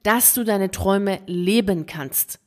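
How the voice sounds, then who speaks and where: A woman's voice: mid-range voice, slow, darkish tone. Woman, coach, earnest direct-address motivational talk, repeats phrases for emphasis. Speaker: career coach for teachers. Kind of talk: motivational monologue to camera.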